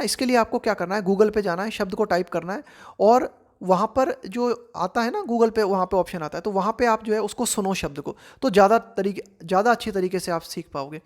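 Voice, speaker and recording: A woman teaches English vocabulary, reading English phrases slowly and carefully before explaining them in Hindi. She talks straight to her learners in a chatty classroom way, at a middling pitch. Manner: conversational, addresses learners directly. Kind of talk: explaining a book line by line.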